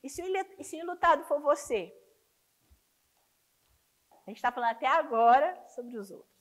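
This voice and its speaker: A woman's voice: high voice, animated, moderate pace, poor audio. Earnest middle-aged Brazilian woman pastor. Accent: Brazilian Portuguese. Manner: personal, earnest, asks the class questions. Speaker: pastor teaching a ministry class. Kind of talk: conversational teaching.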